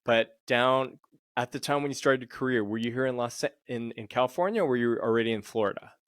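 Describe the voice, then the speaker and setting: A man's voice: medium pitch, fairly quick, a bit bright, no room sound. A middle-aged man hosting a panel interview, rambling with many fillers and restarts. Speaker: podcast host and sync agent.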